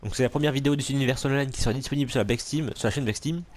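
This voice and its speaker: Commentating superhero gameplay in a let's play, a man jokes around, swears and answers back to foes on screen. He speaks at a racing pace in a medium-pitched, darkish voice, with a bit of hiss or hum present.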